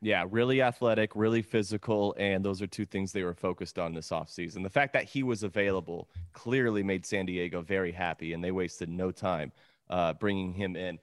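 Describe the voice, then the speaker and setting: A man co-hosting a sports podcast, talking through the lineup briskly. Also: low voice, dry recording, clean studio sound. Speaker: podcast co-host.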